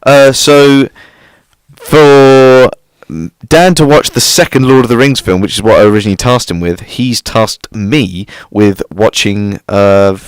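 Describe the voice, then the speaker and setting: A man co-hosting a film review podcast in a studio, measured and partly reading from notes, with frequent ums. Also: medium pitch, clean tone, no room sound, low-quality recording.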